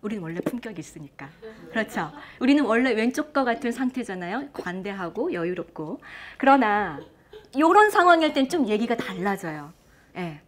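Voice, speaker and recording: A woman lecturer and author giving a motivational talk on a stage before a live audience, lively and often asking the crowd questions. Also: medium pitch, moderate pace.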